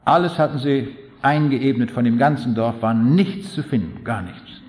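A man's voice: medium pitch, moderate pace, a little mellow. An older man from East Prussia preaching a fervent sermon, building to emphatic appeals and long spoken lists. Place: large hall. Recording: echoey hall.

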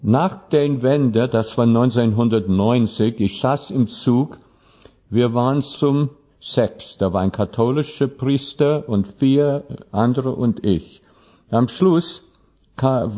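A male pastor telling a story in a sermon, speaking halting German with slips and restarts. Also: mid-range voice. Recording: dull lo-fi recording.

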